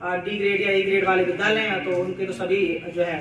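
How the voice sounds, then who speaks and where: His high, bright voice carries a level tone and moves a little fast as he addresses fellow teachers at a school cluster meeting. Recorded far from the mic in a very echoey room, he explains at length, repeats words for emphasis and uses everyday examples.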